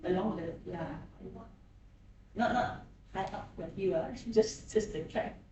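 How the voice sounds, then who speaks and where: A woman lecturer questioning students in class, repeating their names back slowly. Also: on the low side. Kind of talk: classroom introductions. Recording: echoey classroom, far from the mic, with noise.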